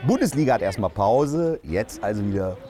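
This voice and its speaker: Man, comedian, satirical monologue, punchline delivery, animated pitch, outdoors. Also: normal speed. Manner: jokey, punchline delivery with lively swings.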